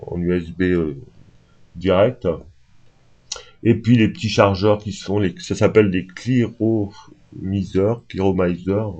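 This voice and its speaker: A fairly low-voiced man rambles to camera, unscripted and hesitant, filling pauses as he goes. He sounds only just awake, with a dark, mellow tone. The home recording is dull and lo-fi. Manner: rambling, hesitant, many fillers. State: just woken up. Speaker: vlogger. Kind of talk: unscripted casual talk to camera.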